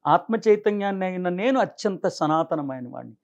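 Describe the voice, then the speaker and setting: A man with a high voice explains scripture in an interview, reciting verses slowly and then posing questions he answers himself. The recording is dull and lo-fi. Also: expressive, creaky. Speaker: spiritual teacher, interview guest. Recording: dull lo-fi sound.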